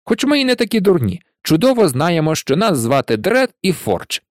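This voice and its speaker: A man voicing a joking teenage twin boy who teases quickly. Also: high voice, big pitch swings, no echo, clean studio sound, voice pushed up.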